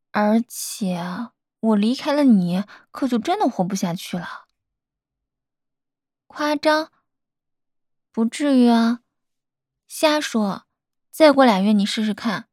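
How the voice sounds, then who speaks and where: A woman's voice: fairly high pitch, dark tone, no room sound, clean studio sound. A young woman in a girlfriend role-play, talking tenderly, coaxing and teasing a partner.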